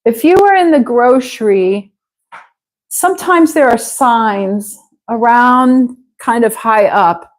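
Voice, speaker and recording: A woman with an Ohio accent teaching an English pronunciation class, slowly repeating words for her students to say after her. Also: on the high side, lively intonation. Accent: Ohio American English. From Ohio, USA. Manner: slow, patient, repeats words for students to echo. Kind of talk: live online English pronunciation lesson.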